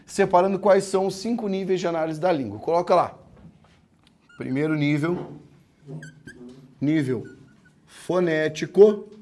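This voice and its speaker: A man teaching a grammar lesson, explaining step by step, asking the class questions, and slowing down to break words into syllables. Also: on the high side, a little mellow, slight background noise. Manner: slows down to spell out words syllable by syllable. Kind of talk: classroom lecture.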